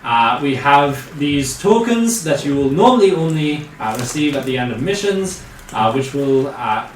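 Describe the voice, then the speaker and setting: A man playing a businesslike male recruiting officer who briefs new recruits, with frequent hesitant "uh" pauses. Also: medium pitch, expressive, natural voice. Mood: briefing. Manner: measured, many "uh" pauses. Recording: roomy, distant mic, faint noise.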